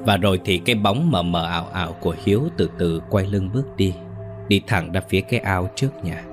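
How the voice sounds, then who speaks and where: Guy telling a ghost story, really low voice, faint music under. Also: brisk.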